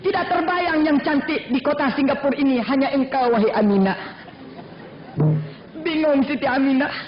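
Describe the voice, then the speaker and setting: A male Islamic preacher telling a story to his students in an animated sermon, at times breaking into sung Arabic recitation. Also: very high voice, normal speed, some chatter behind, slight background noise. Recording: roomy, dull lo-fi recording with faint background.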